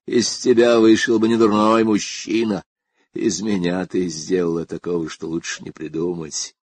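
A man voicing a gruff, bitter, lovesick aging rancher in a storybook reading, with slow, heavy delivery. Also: low voice, flat delivery, a little mellow, no echo. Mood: angry.

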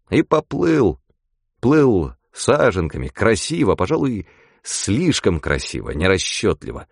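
Male storyteller, low, wry, very lively delivery, dry sound. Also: no room sound. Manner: wry, animated. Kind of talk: expressive story reading.

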